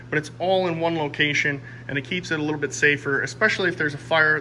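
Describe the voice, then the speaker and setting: A man's voice: a little high, sharp tone, a little hiss or hum. Thirties male workshop host, practical and joking, recorded in an echoey shop. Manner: folksy, practical, joking asides. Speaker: woodworking channel host. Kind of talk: casual how-to demonstration. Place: home woodworking shop, indoors. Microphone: camera-mounted, filmed at arm's length and from a tripod.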